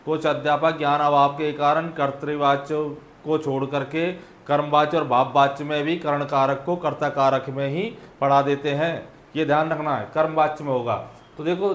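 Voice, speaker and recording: Slightly high-voiced man teaching a class. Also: reverberant. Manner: explanatory, asks and answers his own questions; clears throat and coughs now and then. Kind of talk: exam solution lecture.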